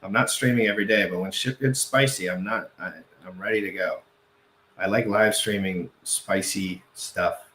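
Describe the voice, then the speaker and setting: A man's voice: deep voice, fairly even intonation, moderate pace, fairly bright tone, echoey room, a little hiss or hum. A man hosting a casual crypto livestream, rambling and correcting himself, often repeating phrases for emphasis.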